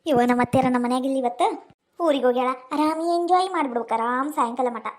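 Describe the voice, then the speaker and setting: A woman's voice: high-pitched, quick pace, voice pushed down, natural voice. A woman voicing an overworked young village daughter-in-law in a comic cartoon, with a North Karnataka accent and a chatty, exclaiming manner. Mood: cheerful. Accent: North Karnataka Kannada.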